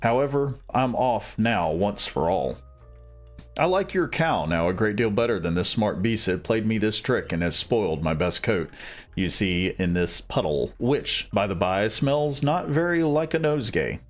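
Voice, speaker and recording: A man's voice: on the low side, animated, a little slow, soft background music. Hans, a cheerful simple lad, read by a man. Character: simple, cheerful young male servant.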